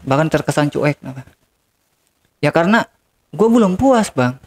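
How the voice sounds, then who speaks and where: With a slightly high, expressive voice and a moderate pace, a man shares a regretful confession during an interview. Again and again he addresses the host as "Bang."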